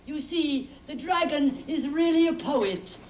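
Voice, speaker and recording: A woman's voice: sits high, a little slow, darkish tone. A woman playing a polite, earnest young boy in an acted storybook recording. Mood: pleading. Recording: echoey, slightly noisy.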